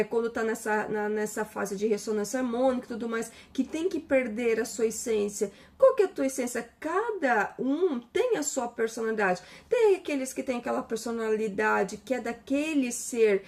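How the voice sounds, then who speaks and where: A woman's voice: fairly high pitch, darkish tone. A Brazilian woman giving a casual spiritual monologue, chatty, with many restarts, retelling conversations. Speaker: spiritual talk host.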